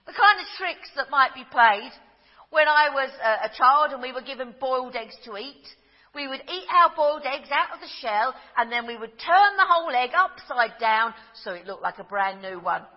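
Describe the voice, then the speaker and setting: High-voiced woman preaching in a hall. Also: lively intonation. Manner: storytelling, soft and slow at moving moments. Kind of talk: gentle sermon talk. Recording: dull sound with long hall reverb.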